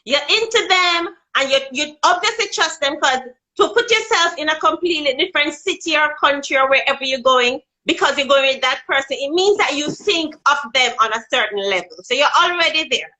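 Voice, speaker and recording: This Jamaican-accented woman, a guest on a live phone video call, talks briskly with few pauses, candid and outspoken about dating and sex, her pitch going up as she makes points. The handheld phone gives a low-quality capture of her pushed, bright voice.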